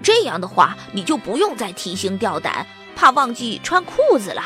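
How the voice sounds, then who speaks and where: A woman's voice: fairly high pitch, wildly swooping pitch, bright, forceful tone, soft background music, full character voice. A woman doing an eager helpful schoolboy. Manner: eager, quick to offer ideas, sheepish. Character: cheerful, well-meaning boy, a loyal friend.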